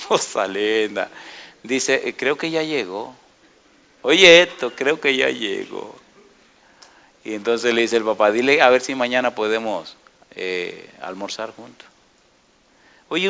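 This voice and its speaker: Preacher guy, middle-aged, bright ringing voice, keeps firing questions at the pews. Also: mid-range voice. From Dominican Republic. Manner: animated, asks the congregation questions. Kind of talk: sermon.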